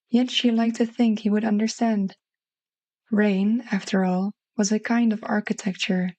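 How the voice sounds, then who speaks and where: A woman with a Dutch accent narrating a literary short story in a soft, mellow voice. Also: medium pitch, dry recording, low-quality recording.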